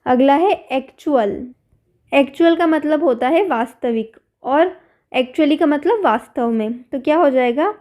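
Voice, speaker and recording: This is a woman with a high, light voice, teaching an English lesson in Hindi. She goes through word after word at an even, patient pace, repeating each one before she explains it. It sounds like a recorded voice-over for a classroom video. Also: unhurried.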